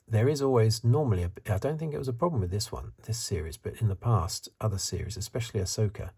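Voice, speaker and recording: A man offers soft-spoken ASMR review commentary in a low, hushed voice that is breathy and partly whispered. He sounds hesitant and musing in a conversational way.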